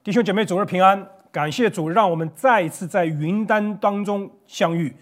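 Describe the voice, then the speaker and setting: A man's voice: high voice, normal speed. A man preaching an online Sunday sermon to a camera, earnest and conversational, stumbling over words at times. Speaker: pastor. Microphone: facing a camera.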